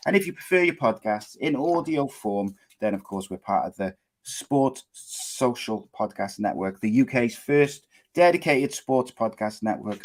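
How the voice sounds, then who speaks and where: Animated and medium-pitched, this podcast host talks at a measured pace during a live show. His style is casual, with frequent fillers and false starts while he brings on guests and runs things.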